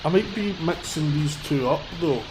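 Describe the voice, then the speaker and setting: A livestreamer with a cold sniffles a little as he gives blunt, rambling commentary from a city street, holding his phone. His voice sits fairly high, with lively intonation and a moderate pace. Loud traffic and passing vehicles fill the background.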